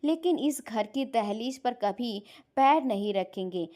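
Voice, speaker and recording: A woman's voice: on the high side, expressive, a little slow, warm tone. A woman voicing an upset young married daughter who tearfully accuses her brother. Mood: tearful accusing.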